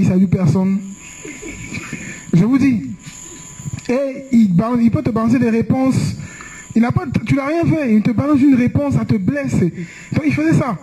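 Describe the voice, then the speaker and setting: A man's voice: high-pitched, mellow, husky, rough recording. A young man preaching a conversational sermon, telling personal stories and asking rhetorical questions.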